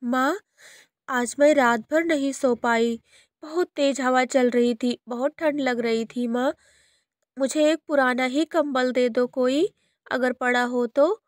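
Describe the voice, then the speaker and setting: A woman doing a squeaky little girl sparrow. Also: slow, no echo, clean studio sound. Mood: pleading. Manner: pleading, childlike and tearful. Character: cheerful then grieving little girl sparrow.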